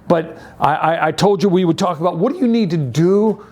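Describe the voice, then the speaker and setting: Upbeat American youth pastor, higher-pitched man. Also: a little mellow, highs cut off. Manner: halting, stammering, repeats words. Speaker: youth pastor speaking to a youth group. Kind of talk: informal youth group talk.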